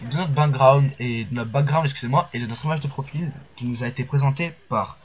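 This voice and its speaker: A man's voice: mid-range voice, brisk, muffled recording, a little hiss or hum. A man from France giving rambling, casual commentary over gameplay footage, full of fillers and restarts.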